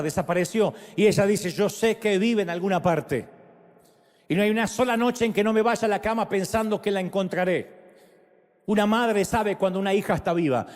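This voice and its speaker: A high-pitched man preaching as a pastor, leading prayer with fervent, rising repetitions. His voice rings through a large hall with a long reverb tail. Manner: fervent, repeating words in rising shouts. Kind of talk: sermon altar call and prayer.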